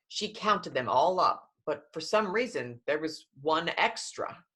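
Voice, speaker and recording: Reading a storybook tale from a script, a woman narrates in a bright, forward tone with a husky, lowish pitch. She's animated and keeps a measured pace.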